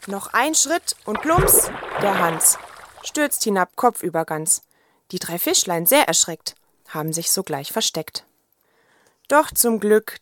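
A woman's voice: fairly low pitch, a little hiss or hum. A woman narrating a rhymed children's story as a recital for a radio play.

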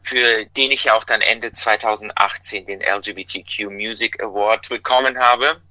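A man from Russia, a singer and music teacher, answering interview questions in a measured, earnest way. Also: fairly low pitch, steady tone, sharp tone, dry recording, poor audio.

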